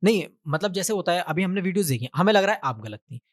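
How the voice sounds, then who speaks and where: A podcast host asks polite, somewhat meandering questions, often murmuring agreement while the guest talks. The pitch moves around a lot, in a middle register. The recording is dry and close. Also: expressive, quick pace, dry recording. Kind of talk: podcast interview.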